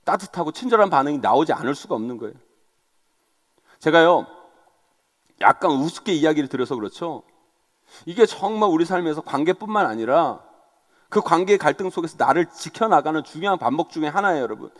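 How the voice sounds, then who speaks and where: High-voiced pastor preaching in a reverberant hall. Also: male voice, a little fast, long pauses. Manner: animated preaching, acting out quarrels, direct address to congregation. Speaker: senior pastor. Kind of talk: sermon. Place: church sanctuary.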